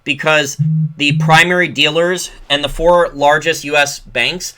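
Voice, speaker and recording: A man's voice: a little high, fairly even intonation, a little slow, bright, forceful tone. A man giving solo commentary, reading from a report and breaking off into sarcastic rants. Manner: sarcastic, ranting asides. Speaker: finance commentator.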